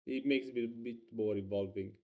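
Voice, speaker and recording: A man co-hosting a casual livestream, talking about game jam entries in a hesitant, halting way. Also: medium pitch, fairly even intonation, darkish tone. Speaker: stream co-host reviewing game jam entries.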